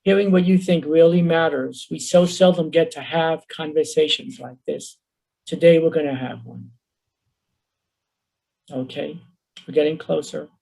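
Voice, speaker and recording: A man with a Bronx accent giving an earnest, fast-paced webinar talk as a social worker over a video call. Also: a little high, fairly even intonation, vocal fry, a little mellow, rough recording. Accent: New York Bronx.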